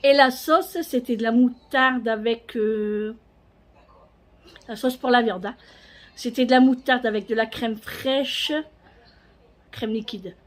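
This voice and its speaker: A woman chatting casually at home in her kitchen, rambling with lots of fillers and restarts. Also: fairly high pitch. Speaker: vlogger. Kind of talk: casual home vlog chat.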